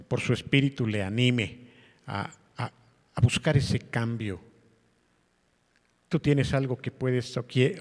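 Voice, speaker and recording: Pastor guy preaching, chatty, keeps asking the crowd questions, echoey hall. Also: medium pitch. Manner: conversational preaching with rhetorical questions to the congregation. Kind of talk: sermon. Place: church meeting hall. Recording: long hall reverb.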